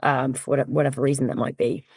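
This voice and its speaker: A woman, a firm founder, explaining things in a measured way on a podcast with frequent "um" and "you know". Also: rumbling low, level tone, a little mellow, slightly rough, dry recording. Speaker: cyber security firm founder, guest. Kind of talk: podcast interview.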